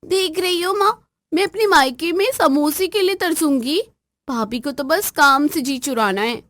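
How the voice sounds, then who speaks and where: A woman voicing a spoiled, bossy married daughter who nags and gives orders in a shrill, demanding way. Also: unhurried, a bit bright, no room sound. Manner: shrill, nagging, commanding. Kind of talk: acted family story narration.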